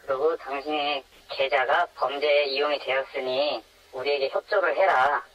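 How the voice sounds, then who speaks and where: A man's voice: medium pitch, steady tone, moderate pace. A man in his twenties with an electronically disguised voice, recounting his experience as an anonymous interviewee on a phone call. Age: 20s. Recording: dull, narrow phone line on radio.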